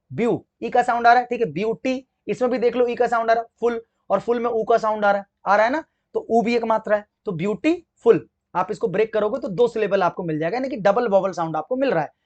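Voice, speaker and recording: A man teaching English grammar for exam preparation, speaking Hindi with an accent from it, asking his class questions and answering them himself while he spells words out slowly. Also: very high-pitched, muffled recording. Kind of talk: exam-prep grammar lesson.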